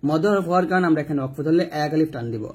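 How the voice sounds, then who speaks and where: Man, slightly high, husky voice, recitation teacher, spells letters then chants them slowly. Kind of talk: step-by-step recitation lesson.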